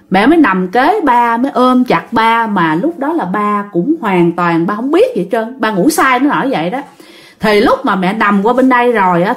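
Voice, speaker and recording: A woman with a Southern Vietnamese accent telling a ghost story in a casual way, talking straight to her listeners. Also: a little high. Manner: animated, addresses listeners directly.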